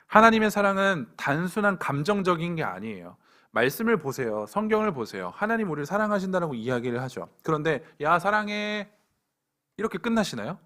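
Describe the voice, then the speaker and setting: A man's voice: on the high side, very animated, quick pace, sharp tone. A young adult man preaching a sermon to a church young adults group, pointed and direct with playful asides. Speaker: pastor.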